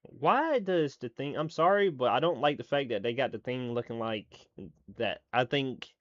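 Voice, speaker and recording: A man's voice: mid-range voice, lively intonation, normal speed, dry recording, dull audio. A man giving casual reaction commentary as a streamer, rambling with lots of fillers, restarts and swearing.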